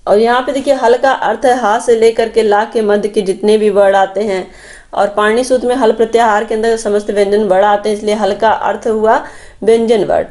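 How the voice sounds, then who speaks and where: A young adult woman with a mid-range, darkish voice teaches an exam-prep grammar lesson at a slightly fast clip and fairly even intonation. She explains step by step, calls her viewers friends, and directs them to examples on her slides.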